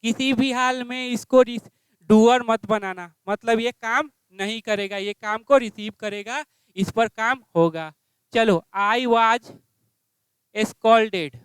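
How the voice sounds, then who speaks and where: A man's voice: very high voice, fairly bright tone, smooth, no room sound. A male English teacher teaching grammar. He quizzes his class with repeated questions and spells out phrases word by word.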